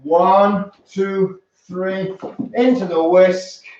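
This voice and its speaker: Slow, teasing male dance teacher, roomy. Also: high voice, little pitch movement, a little mellow. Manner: teasing, counts beats aloud. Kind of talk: live-streamed dance lesson, counting steps. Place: dance studio. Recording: roomy, distant, dull camera sound.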